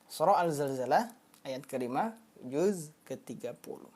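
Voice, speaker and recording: A woman teaching recitation rules in a live online class, patient and repetitive, stretching example words out slowly. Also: low voice, animated, a little mellow. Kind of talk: live online tajwid lesson.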